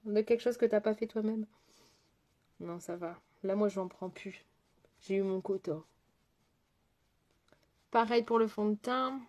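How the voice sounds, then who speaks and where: A woman's voice: medium pitch, measured pace, pauses often, darkish tone. A woman makeup artist chatting casually through a live makeup tutorial, answering viewers' comments as she works, with lots of fillers and sentences that trail off.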